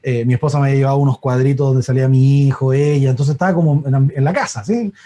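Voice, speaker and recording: A man's voice: mid-range voice, steady tone, fast talker, mellow. A middle-aged man telling a sermon testimony, with many restarts and acted-out voices. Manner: storytelling with many restarts, acts out quoted voices. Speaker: preacher giving a testimony.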